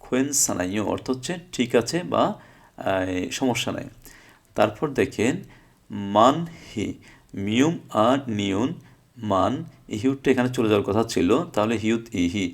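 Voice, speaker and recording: A man's voice: on the low side, moderate pace, gravelly. Male language teacher walking students through rules, repetitive, quizzing tone answered by himself. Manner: asks rhetorical questions and answers them; repeats phrases, checks in with "okay?". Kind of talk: explanatory lesson.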